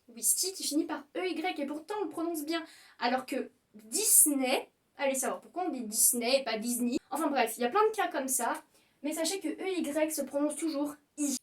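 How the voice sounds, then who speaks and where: A woman's voice: high voice, distant mic. A young woman, a video host, explaining pronunciation in a casual, playful way and exaggerating the mistakes. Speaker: YouTuber teaching pronunciation.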